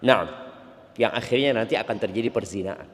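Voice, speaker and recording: A man's voice: lowish voice, brisk, a little hiss or hum. A man preaching an Islamic sermon to a congregation, teasing and acting out little quoted exchanges. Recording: long hall reverb.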